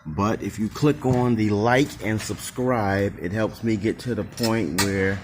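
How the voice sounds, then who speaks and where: This male seller's voice is on the low side and unhurried, with slight background noise as music plays from the speakers under test. Holding the camera in an indoor room, he shows off used goods for an online sale in an unscripted, casual demonstration, his thinking aloud plain and hesitant.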